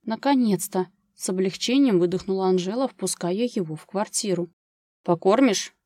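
A woman narrating an audiobook in a steady, even storytelling manner at a middle pitch. The sound is close and dry, with no room around it. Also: fairly quick, no echo. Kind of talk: scripted narration.

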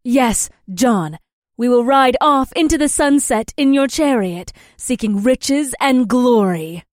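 A fierce young warrior princess, with a very high voice. She speaks in stiff, formal, old-fashioned phrases and is eager for battle. The sound is close and dry. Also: animated, takes it slowly, no room sound, exaggerated voice.

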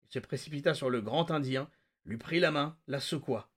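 A man hosting a podcast, reading a novel aloud with lively, dramatic narration. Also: medium pitch, normal speed. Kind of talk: expressive read-aloud narration.

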